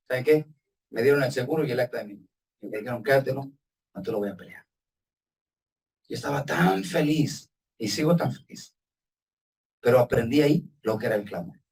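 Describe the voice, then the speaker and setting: A man preaching a sermon to his congregation as their pastor, with emphatic swings in pitch and loudness, calling them brothers. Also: slightly rough, distant mic. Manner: addresses the congregation directly as brothers. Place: church hall with congregation and Zoom viewers.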